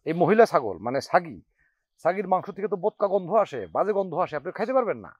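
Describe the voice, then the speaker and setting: A young actor playing a cheeky, teasing brother-in-law in a TV drama. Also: male voice, high-pitched, animated, quick pace, lo-fi sound, background noise. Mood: mocking. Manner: teasing, sarcastic. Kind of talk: TV drama acting.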